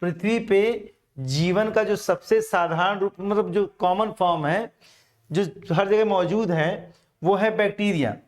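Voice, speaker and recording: A man's voice: high voice, a little slow. A middle-aged Indian man teaching an exam-prep grammar lesson, explaining step by step and answering his own questions. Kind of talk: classroom grammar lecture.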